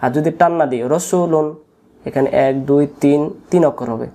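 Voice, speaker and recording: A man with a Bangladeshi Bengali accent teaching Quran recitation, slowly repeating each letter sound for learners to copy. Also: mid-range voice, dark tone. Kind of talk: tajweed lesson.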